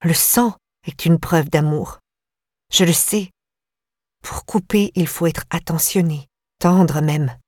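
A woman voicing a disturbed young woman, eerily calm and obsessive, in a slow, low murmur for an audiobook. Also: no echo, clean studio sound. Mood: eerie calm.

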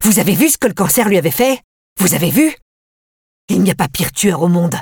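A woman's voice: on the low side, big pitch swings, brisk, creaky, a little mellow, breathy edge, no echo, clean studio sound, full character voice. A woman voicing Charlie, a scheming, menacing male killer who talks in a sneering, cold way. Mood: furious.

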